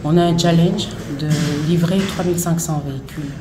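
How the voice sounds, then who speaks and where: A woman giving a halting interview statement as a company representative, searching for her words. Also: fairly low pitch, noisy background. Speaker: car dealership representative. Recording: echoey room with loud crowd.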